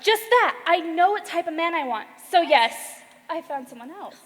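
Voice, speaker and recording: A woman plays a dreamy, wilful young lady in a comic radio play. Her voice is very high and carries a long reverb. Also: lively intonation, moderate pace. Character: romantic, headstrong young lady.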